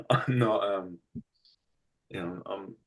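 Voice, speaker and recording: Heard through poor audio, a middle-aged British man with a low-pitched voice draws out his words as he chats casually in an interview. He's an energy practitioner and massage therapist, and he explains things matter-of-factly, poking fun at himself.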